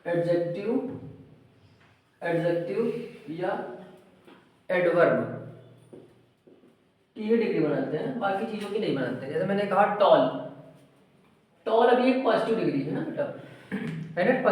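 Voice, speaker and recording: Man teaching in a very echoey classroom. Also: high-pitched. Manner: explains slowly, asks pupils questions and repeats their answers. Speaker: English teacher. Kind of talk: classroom grammar lesson. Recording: very echoey classroom, mic far off.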